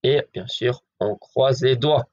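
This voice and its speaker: In a slow, mid-range voice with a darkish tone and the highs cut off, a man talks through football betting predictions. He's chatty and informal, addressing viewers as friends and hedging with many fillers.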